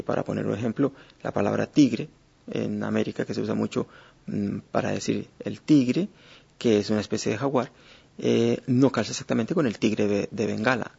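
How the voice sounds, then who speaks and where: A man teaching a lesson, speaking in a measured way with many hesitations and fillers. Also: mid-range voice, gravelly, darkish tone, breathy edge. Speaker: Spanish teacher. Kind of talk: explanatory lesson. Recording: dull lo-fi recording.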